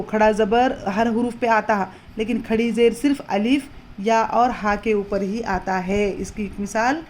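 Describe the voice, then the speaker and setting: A woman teaching Quran reading in a patient, explanatory way, repeating words slowly and drawing them out. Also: medium pitch, a little mellow, a little hiss or hum. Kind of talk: slow explanatory lesson.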